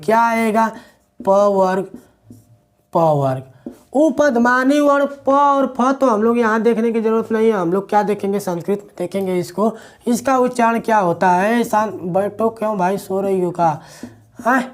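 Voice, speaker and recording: A man's voice: high voice, animated, unhurried. A male teacher, giving a classroom grammar lecture to students. He asks questions and answers them himself, repeating the key words.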